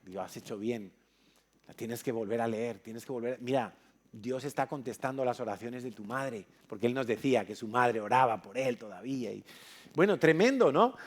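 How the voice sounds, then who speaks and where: A man from Spain preaching in church, telling a story with acted-out dialogue. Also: on the high side. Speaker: pastor. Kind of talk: sermon.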